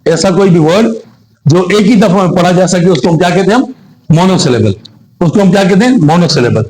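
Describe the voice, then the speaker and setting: A man's voice: high voice, lively intonation, a little mellow, poor audio. A man teaching English pronunciation, asking his class questions and answering them himself, switching between Hindi and English. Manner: slows down to read English phrases; mixes Hindi and Urdu with English terms. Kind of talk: classroom lecture.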